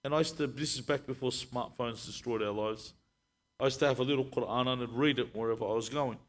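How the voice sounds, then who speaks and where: A fast-talking man in his thirties from Lebanon, with a mid-range voice, takes part in a live discussion as a guest speaker and sheikh. He answers questions and shares stories in a conversational way, frequently starting over.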